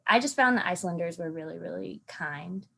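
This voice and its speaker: A woman's voice: on the low side, animated, brisk, vocal fry, bright, forceful tone. A young woman from Alaska, a podcast guest, talking earnestly about travel and home in a casual interview with frequent ums. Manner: earnest, thoughtful, many ums.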